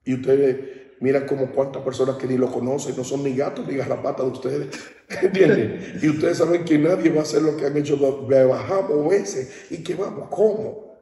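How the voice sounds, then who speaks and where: A man from the Dominican Republic preaches at a baptism, talking to the congregation directly and often checking that they follow him. His voice is mellow and warm. He is recorded from some distance in a large, echoing hall. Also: medium pitch, moderate pace. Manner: conversational preaching, often asks "¿entiendes?". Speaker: pastor. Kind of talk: sermon. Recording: echoey hall, speaker off-mic.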